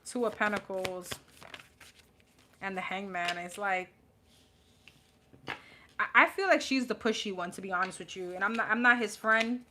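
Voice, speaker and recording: A woman's voice: mid-range voice, moderate pace, long pauses, pushed and bright. Sassy New York tarot reader woman. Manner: blunt, sassy, laughing and chatty. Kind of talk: live tarot reading. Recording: audible background noise with card shuffling.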